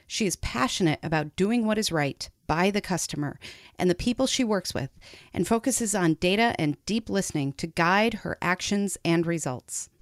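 A woman's voice: lowish voice, animated, moderate pace, dry recording, studio quality. A woman hosting an interview, introducing her guest and asking questions in an upbeat, encouraging way. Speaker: podcast host.

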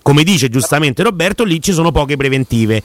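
A man's voice: a little high, lively intonation, normal speed, no echo. A man hosting a casual football chat, analytical and hesitant, with many fillers.

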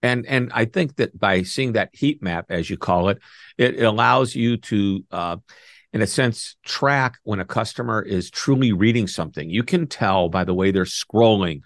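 A man's voice: fairly low pitch, normal speed, no room sound, studio quality. A man hosting an interview, chatty and joking with his guest. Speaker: host. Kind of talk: casual interview talk.

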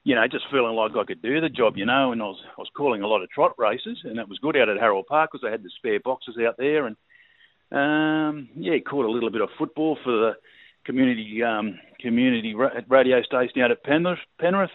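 A middle-aged Australian man talks quickly and at length, easygoing and rambling with plenty of fillers. His voice comes over a tinny phone line with a dry sound. His pitch sits at an ordinary middle level. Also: dry recording. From New South Wales, Australia. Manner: laid-back rambling storyteller, many fillers. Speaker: race caller, guest. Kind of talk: casual interview.

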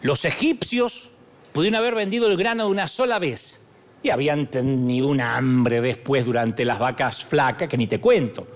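A middle-aged man with a Rioplatense Spanish accent, preaching a sermon as pastor in a lively, joking way. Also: mid-range voice, moderate pace. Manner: animated, joking preacher acting out dialogues.

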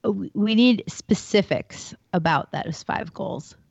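A woman's voice: medium pitch, animated, normal speed, vocal fry, darkish tone, husky, dry recording, dull audio. A woman chatting casually as a panelist on a trivia show. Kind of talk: casual chat.

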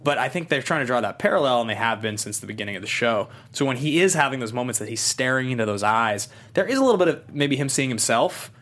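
A man's voice: medium pitch, expressive, fast, few pauses, fairly bright tone. A man, hosting a casual TV after-show and leading the talk with rambling analysis. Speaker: host. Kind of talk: casual chat.

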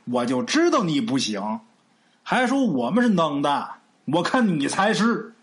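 A man's voice: on the high side, big pitch swings, measured pace. A man voicing a brash, cocky young village man with a sly, taunting drawl.

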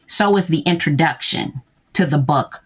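In a conversational interview, a woman guest explains how she uses tools in her business, frequently checking in with "right?". Her voice is low and slightly rough, at a normal speed.

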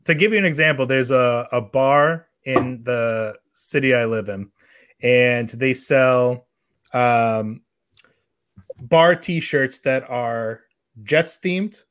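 A man's voice: medium pitch, takes it slowly, a bit bright, no echo, studio quality. A man from New Hampshire hosting a casual live show, talking in an easygoing way with hesitant fillers. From New Hampshire, USA. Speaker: livestream host. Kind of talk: casual chat.

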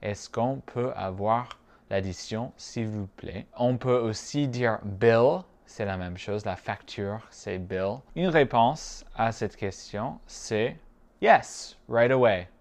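A man with a Midwestern American accent leads a language lesson in a slightly low voice. He speaks very slowly and deliberately, repeating each phrase word by word. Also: darkish tone. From Midwestern United States. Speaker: language teacher. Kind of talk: English lesson for French speakers.

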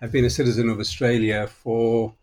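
A man in his sixties, originally from Malaysia, answering interview questions hesitantly with many pauses and restarts. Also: medium pitch, little pitch movement, a little mellow. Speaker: guest author, political scientist.

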